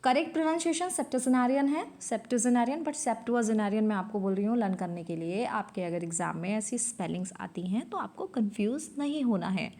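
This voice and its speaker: A woman with a medium-pitched, somewhat dark voice teaches a spelling lesson in Hindi sprinkled with English terms. She talks animatedly and fairly fast with almost no pauses, spelling words out letter by letter, repeating key words and checking that students follow.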